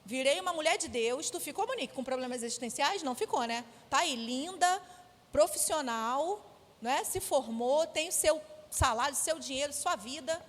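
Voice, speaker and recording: A woman's voice: high voice, animated, normal speed. A woman with a Brazilian Portuguese accent, preaching a sermon in a firm, emphatic, conversational way. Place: church sanctuary. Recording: echoey church hall.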